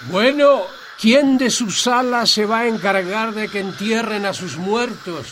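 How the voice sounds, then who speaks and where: A man playing a calm, pragmatic spokesman for quarantined internees in an audio drama, reasoning and directing the others. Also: high voice, measured pace, a little hiss or hum. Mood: directive.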